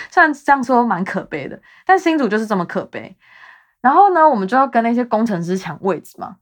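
With a slightly high, sing-song voice and a fairly quick pace, a woman in her twenties hosts a podcast in Taiwanese-accented Mandarin. Her talk is loose, wandering, and self-deprecating.

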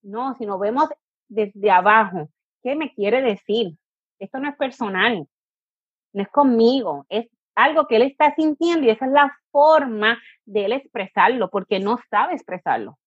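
Her fairly high, husky voice carries lively intonation at a slightly slow pace, with no room sound and the highs cut off. She's a positive discipline educator and coach from Puerto Rico, patiently explaining in an interview and now and then acting out a parent's or child's words.

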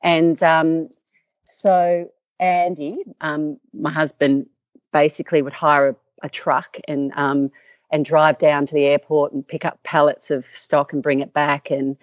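A woman's voice: low voice, flat delivery, measured pace, no room sound. A middle-aged Australian woman, a company co-founder telling her story in an interview, rambling with many fillers and restarts. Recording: dull lo-fi sound.

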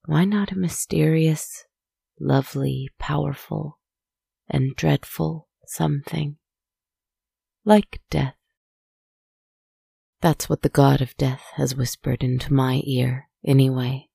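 A woman softly narrating a guided relaxation story in a hushed, soothing, spa-like manner, with deliberate, poetic phrasing. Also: low-pitched, fairly even intonation, gravelly, husky, dry recording, clean studio sound.

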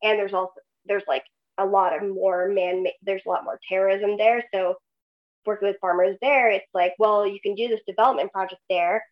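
On a lo-fi podcast recording, a female agriculture researcher chats casually as a guest, her medium-pitched voice steady and a little fast. She fills her speech with fillers and laughs even when the points are serious.

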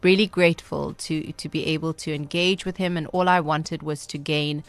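A woman with a Durban Indian South African accent speaking as a radio interview guest, earnest and measured, with formal, emphatic wording. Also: deep voice, steady tone, dry recording, soft background music. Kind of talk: radio interview, reflective storytelling.

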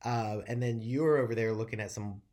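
A man's voice: fairly low pitch, brisk. Rambling, profane storyteller man. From North Carolina. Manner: rambling, profane, animated storytelling with many fillers. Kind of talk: casual storytelling chat.

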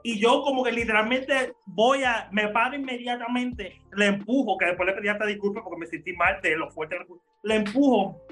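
High-voiced man telling a lively story. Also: moderate pace, few pauses, soft background music. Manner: lively, laughs often, mixes in English words. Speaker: podcast co-host. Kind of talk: casual storytelling among friends.

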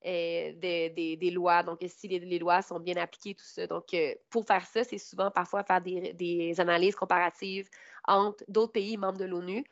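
A woman's voice: lowish voice, level tone, normal speed, dry recording. A young woman from Canada with a Québécois French accent, answering interview questions casually, hesitating with many fillers and laughing often. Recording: dull lo-fi recording.

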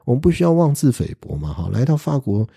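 A man's voice: medium pitch, big pitch swings, fast, creaky, dark tone, breathy edge, no room sound, studio quality. A middle-aged man with a Taiwanese Mandarin accent, a law professor hosting a podcast, telling a story in a chatty way with many little "ha" tags and fillers. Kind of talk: casual storytelling.

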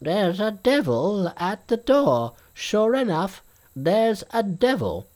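A man voicing a timid, very old farmer who talks slowly and waveringly in a storybook reading. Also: high voice, big pitch swings, darkish tone, voice pushed up, heavily acted. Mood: frightened. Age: older. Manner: slow, wavering, muttering. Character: timid ancient farmer, a hundred and thirty.

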